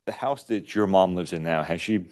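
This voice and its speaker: A man acting as attorney, questioning a witness in court in a measured, polite way. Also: low voice, a little mellow.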